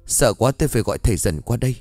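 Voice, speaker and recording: A man's voice: medium pitch, expressive, rapid-fire, darkish tone, dry recording, soft background music, close to an everyday voice. A man voicing a frightened older wife who scolds her husband out of worry. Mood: fretful. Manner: scolding, fretful.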